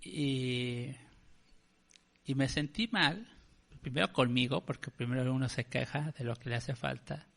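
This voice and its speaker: A man's voice: mid-range voice, a little slow, gravelly, fairly bright tone. A male pastor with a Mexican accent tells a story in a sermon, in a conversational way, and often calls his listeners "brother".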